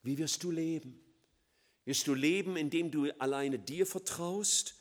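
Dramatic German preacher man. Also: a little slow. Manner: dramatic swings between loud emphasis and soft low passages. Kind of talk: sermon.

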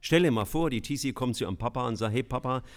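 A middle-aged man preaching a sermon in a lively, emphatic way, with humorous asides. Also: medium pitch, fast.

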